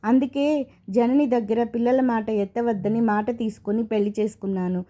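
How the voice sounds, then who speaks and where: A woman voicing a grieving young married man haunted by his past, told slowly and from the heart. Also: fairly high pitch, fairly even intonation, mellow, natural voice.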